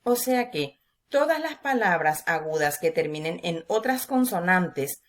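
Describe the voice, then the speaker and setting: A woman teacher giving a recorded class lesson, explaining slowly and stressing syllables as she repeats key words. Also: on the low side, very animated.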